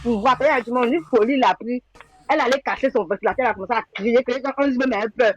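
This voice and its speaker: A man's voice: very high-pitched, racing, fairly bright tone. A man on a live stream panel chatting in a rambling way and often agreeing. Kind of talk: casual commentary on a live stream. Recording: dull lo-fi audio.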